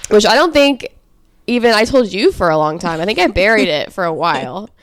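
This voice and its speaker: A woman in her thirties co-hosting a podcast, telling an embarrassing story in casual chat and acting out quotes with big jumps in pitch. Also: animated, a little fast, dry recording. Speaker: podcast co-host.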